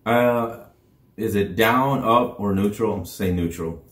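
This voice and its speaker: A man in his thirties chatting casually to camera as a co-host, in a hesitant, halting way. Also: fairly low pitch. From Chicago, US. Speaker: food review co-host and channel presenter. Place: indoors, small room on a sofa. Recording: echoey room sound.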